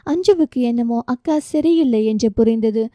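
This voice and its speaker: A woman's voice: a little high, moderate pace, warm tone, no room sound, clean studio sound. A woman narrating a romance novel audiobook, reading with feeling and giving each character their own voice. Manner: emotive, voices dialogue with feeling.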